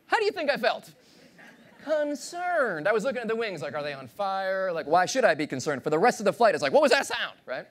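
Male keynote speaker, 30s, playful showman, talks on the high side with big swings in pitch, body mic on a big stage. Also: brisk. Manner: animated, playful, audience-engaging, acts out voices. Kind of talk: motivational keynote speech. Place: large conference stage with audience.

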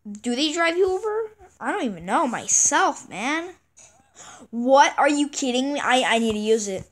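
A woman giving casual gameplay commentary, excitable and chatty, repeating exclamations and stumbling over words. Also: high voice, normal speed. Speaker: gaming channel host.

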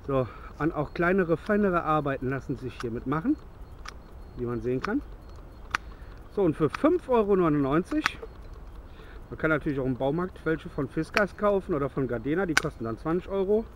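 A man's voice: on the high side, sing-song, moderate pace, a little hiss or hum. Chatty German-speaking man demoing gear in woods. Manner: chatty, rambling, self-correcting. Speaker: bushcraft vlogger. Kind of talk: casual outdoor gear demo. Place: woods outdoors at dusk. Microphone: handheld camera close up.

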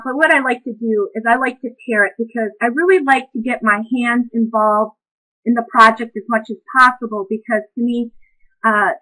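A woman with a bright, high-leaning voice walks through a craft project step by step. She speaks in a calm, reflective, unhurried way, narrating what her hands are doing. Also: rough recording. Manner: talks through each step as she works. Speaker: craft demonstrator. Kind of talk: craft demonstration.

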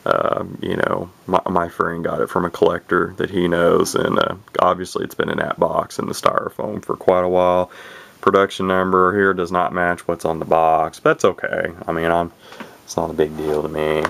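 A radio hobbyist stands off screen behind the camera, casually showing off an old radio in a folksy, rambling, off-the-cuff way full of fillers and restarts. His low, creaky voice has a fairly bright tone, a completely flat delivery and a moderate pace, captured by the camera mic.

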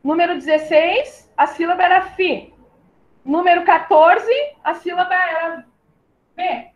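A woman's voice: extremely high pitch, highs cut off. A woman teacher, patiently leading young children through syllables in an online class. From southern Brazil. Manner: patient, spells out syllables slowly, calls pupils "my love". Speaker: primary school teacher.

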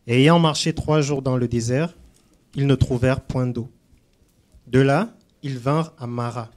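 Man, mid-pitched, soft steady scripture reader for a church group. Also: measured pace. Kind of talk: reading scripture aloud.

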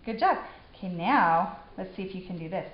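Woman, mother teaching reading, patient, warm praise, lively pitch, echoey slightly dull home recording. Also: fairly quick. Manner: encouraging, patient, repetitive praise. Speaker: mother teaching her son sight words. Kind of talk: one-on-one reading drill.

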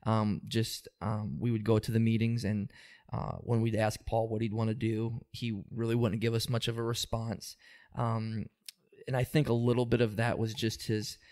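An employment supervisor answers interview questions in a lowish, darkish voice with flat delivery at normal speed. He explains things steadily, with frequent ums and small restarts.

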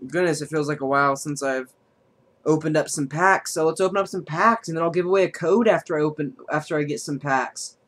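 A man streaming a card game, thinking aloud about his moves and counting damage out loud as he plays. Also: fairly high pitch, a little fast. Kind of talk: live gameplay commentary.

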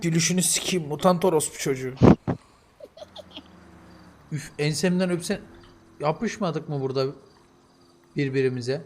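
A young man streaming a role-play game, joking and swearing constantly in loud casual banter. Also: a little high, moderate pace, long pauses, noisy background.

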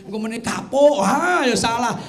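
High-voiced Javanese kyai joking in a sermon. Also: male voice, lively intonation, moderate pace. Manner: joking, chatty, teasing the audience. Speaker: kyai, preacher. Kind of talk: humorous sermon. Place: TV studio with audience. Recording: audience noise behind.

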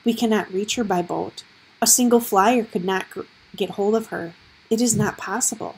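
A woman's voice: mid-range voice, moderate pace, gravelly, husky, poor audio. A woman voicing a stern female bat warrior with a firm, formal manner.

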